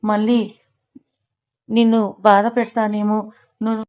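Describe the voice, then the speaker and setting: A woman's voice: medium pitch, monotone, a little slow, lightly acted. A woman voicing a kind, grateful young married woman in a storybook. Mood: pleading. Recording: dull lo-fi recording.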